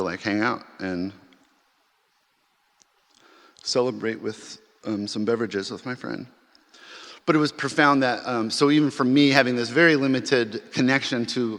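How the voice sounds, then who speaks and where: A man with a lowish, slightly bright voice shares a personal story with a symposium crowd, speaking casually with many fillers and false starts. Long reverb from the large chapel fills the recording.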